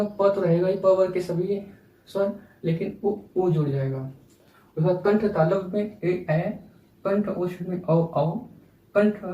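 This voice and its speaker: A man's voice: sits high, warm tone, lo-fi sound. A man teaching a grammar lesson for exam preparation, explaining step by step and calling his viewers friends. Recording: echoey room, mic at a distance.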